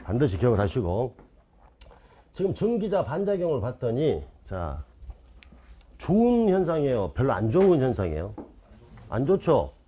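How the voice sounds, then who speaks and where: A man's voice: medium pitch, huge pitch swings, moderate pace, pauses often, dark tone, slight background noise. A man giving an online exam-prep lecture, quizzing his students with constant rhetorical questions and insistently repeating key terms.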